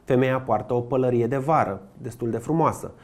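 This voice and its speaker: A man's voice: medium pitch, darkish tone. Man narrating an art documentary.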